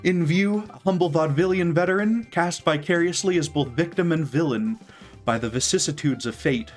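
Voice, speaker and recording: A man's voice: fairly high pitch, moderate pace, soft background music, pitched above the performer's own voice, lightly acted. A man doing a theatrical masked vigilante who declaims every phrase grandly, his voice lifted a little above its usual register. The delivery is lofty and over-ornate, and he trips over the tongue-twisting wording from time to time. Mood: grandiose. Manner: grandiloquent, stumbling over alliteration.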